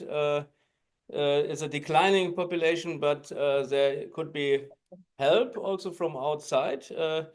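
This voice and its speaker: A man's voice: a little high, smooth. A man hosting an event, introducing speakers in an informal way with many fillers. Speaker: event host.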